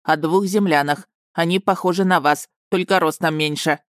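A woman's voice: fairly low pitch, fairly even intonation, moderate pace, dry recording, studio quality, natural voice. Woman voicing a proud robot starship. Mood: polite. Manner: matter-of-fact, courteous. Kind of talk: audiobook character reading.

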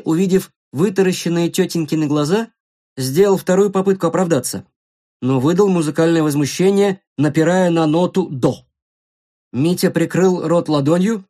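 A narrator reading a storybook aloud in an expressive, playful way. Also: medium pitch.

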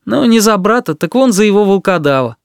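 A man's voice: high-pitched, lively intonation, a little fast, vocal fry, clean tone, dry recording, studio quality, pitched above the performer's own voice. A man voicing a sullen, slangy schoolboy who grumbles his answers.

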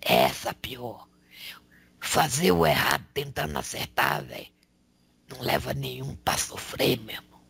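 Male spirit, played by a medium, raspy whisper, animated preaching, streetwise. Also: medium pitch, moderate pace, full character voice. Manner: slangy, sermonizing, rhetorical questions. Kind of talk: spiritual counsel.

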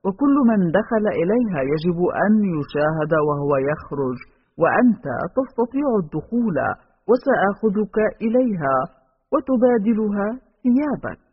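A man's voice: high-pitched, expressive, moderate pace, breathy edge, pitched above the performer's own voice. A man voicing a cold, calculating middle-aged priest in a novel reading. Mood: scheming. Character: scheming stern middle-aged male priest. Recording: dull home recording with long reverb.

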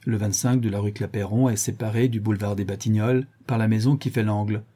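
A man reading a classic novel aloud in measured storytelling narration. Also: fairly low pitch, steady tone, dark tone, breathy edge. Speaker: audiobook narrator. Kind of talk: scripted narration.

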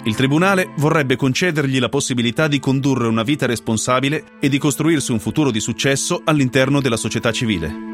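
Formal measured judge voiced by a man, reading a sentence, music underneath. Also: medium pitch, close to an everyday voice.

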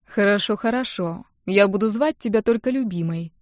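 A woman voicing a smug, teasing young man in an audiobook, speaking slowly with mock tenderness. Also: mid-range voice, no room sound, clean studio sound, lightly acted. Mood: mock-tender. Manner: slow, mock-tender, smirking.

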